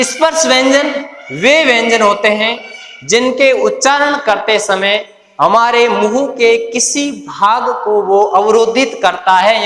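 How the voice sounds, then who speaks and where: High-voiced male teacher, echoey room. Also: pushed and bright. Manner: slow, repetitive explaining, drawing out sounds. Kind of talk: Hindi grammar lesson. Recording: echoey room with long reverb.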